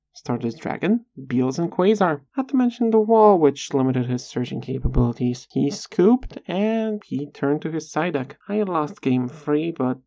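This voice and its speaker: Speaking in a dark, medium-pitched voice, this creator narrates a personal story from a script with dry sarcasm. The pacing is measured and slightly halting, and the audio has a dull, lo-fi quality.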